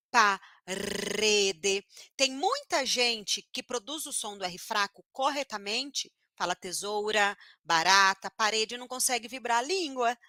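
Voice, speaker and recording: A woman teacher from northern Paraná, Brazil, with a northern Paraná accent, giving a live online phonetics lesson and slowly repeating each sound she demonstrates. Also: sits high, bright, forceful tone, no echo, clean studio sound. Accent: northern Paraná Brazilian Portuguese.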